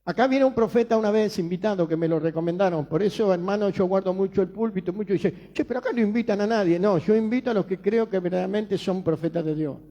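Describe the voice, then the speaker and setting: Male pastor, Rioplatense accent, high mellow voice, emphatic sermon delivery with rhetorical questions. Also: fast talker, hardly any pauses, dull audio. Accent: Rioplatense Spanish. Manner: emphatic preaching, repeats phrases, rhetorical questions.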